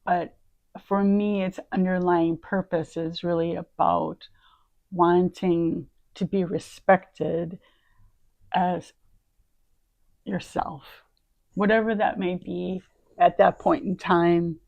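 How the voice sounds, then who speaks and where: A woman's voice: on the low side, flat delivery, slow, creaky, pauses often, darkish tone, no echo, lo-fi sound. A woman co-hosting a casual conversation, thinking aloud in short, reflective phrases. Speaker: co-host.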